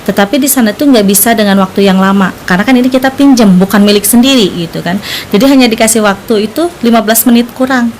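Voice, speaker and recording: A woman guest in an interview, calmly explaining a spiritual practice in a matter-of-fact way. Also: fairly high pitch, fast, slight background noise.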